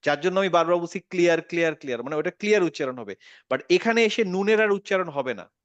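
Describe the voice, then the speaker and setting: A man's voice: high-pitched, animated, fast talker, a bit bright, dry recording, lo-fi sound. A man teaching a Quran recitation lesson, patiently repeating words and checking that his student follows. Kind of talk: online tajweed lesson.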